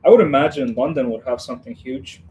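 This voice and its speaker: A man's voice: mid-range voice, quick pace, a little mellow, a little hiss or hum, poor audio. A man from Western Ukraine hosting a casual building livestream, chatting and rambling with viewers as he works. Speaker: livestream host building a model set.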